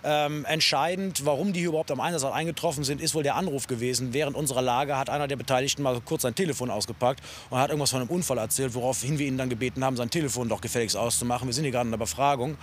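An actor playing a composed, matter-of-fact police officer, explaining in wordy official language to camera in a TV police series. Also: male voice, medium pitch, racing, hardly any pauses, slight background noise, lightly acted. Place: outdoors beside a police car. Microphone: clip-on lapel mic.

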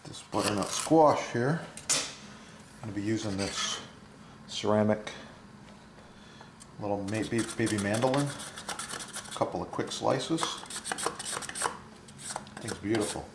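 A man's voice: fairly low pitch, slow pace, pauses often. A middle-aged man talks casually through a cooking demonstration in his home kitchen, chatty and enthusiastic, with frequent filler words. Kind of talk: casual cooking demo with product plugs. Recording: sizzling pan noise behind. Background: frying and sizzling in the pan.

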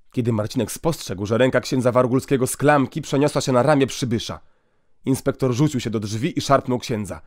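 A man narrating an audiobook in a steady, clear storytelling voice. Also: mid-range voice, dry recording, studio quality.

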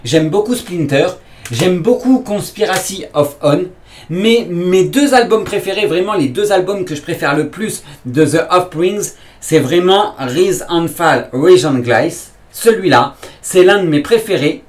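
A man with a fairly high voice talks to camera in a casual vlog, rambling with enthusiasm. He circles back on himself, repeats phrases and leans on fillers between points. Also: animated, measured pace. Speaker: vlogger. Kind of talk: casual unboxing vlog talk.

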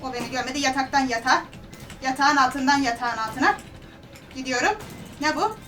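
A woman's voice: high-pitched, fairly quick. A woman playing a horror game who talks to herself, gasps and pleads nervously as she goes. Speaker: gaming streamer. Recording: voice heard from a distance over loud game music.

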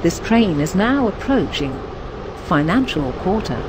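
A voice playing an automated on-board train announcer, giving formal subway-style announcements in measured, segmented phrases. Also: medium pitch, big pitch swings. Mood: calm, formal. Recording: noisy train carriage ambience. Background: train and vehicle noise.

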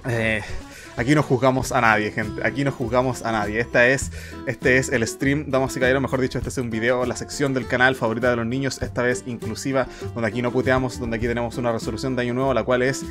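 A young man casting a strategy game replay in casual commentary, mock-solemn one moment and loudly disbelieving the next. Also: medium pitch, fast talker, music in the background. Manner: excitable, mock-solemn, swings into loud disbelief. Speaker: game caster.

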